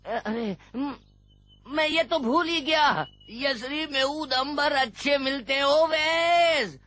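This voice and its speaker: A man's voice: extremely high pitch, takes it slowly, sharp tone, no room sound, full character voice. A man playing a poor, fussy old man who gives away his donkey and piles on requests, in a dubbed drama. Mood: fretful. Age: older. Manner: fussy, fretful, many requests.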